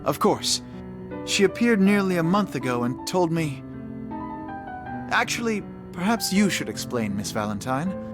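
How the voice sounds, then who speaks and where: A courteous young king in a video game, calm and formal. His voice is fairly high and moves expressively, with music behind it. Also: unhurried, pauses often. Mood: calm, reassuring.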